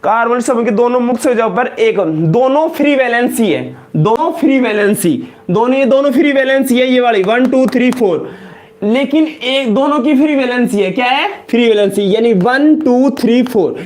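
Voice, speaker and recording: A man with a Rajasthani Hindi accent teaching chemistry in a live class, loudly repeating each question and calling students beta and janab. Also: extremely high pitch, moderate pace. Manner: loud, emphatic, drills points by repetition. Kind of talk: live online lecture in Hindi.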